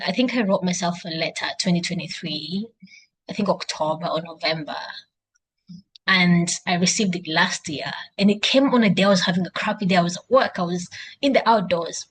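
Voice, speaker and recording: Speaking in a lowish voice with a fairly bright tone, a young Kenyan-accented woman thinks aloud into her laptop for a casual, unscripted, self-encouraging video diary at home, beside a couch indoors. The audio is poor, with a little hiss or hum.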